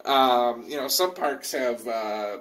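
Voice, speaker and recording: A man's voice: medium pitch, slow, fairly bright tone. A man hosting a casual live virtual program from underground in a mine, talking in a folksy, rambling way. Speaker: host and president of a rail education group.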